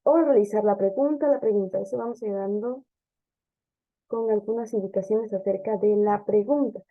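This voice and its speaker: A woman teacher explaining English grammar step by step, often checking understanding with a quick "ok?" or "¿sí?". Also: medium pitch. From Ecuador. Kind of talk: classroom grammar lesson. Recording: dull lo-fi lesson recording.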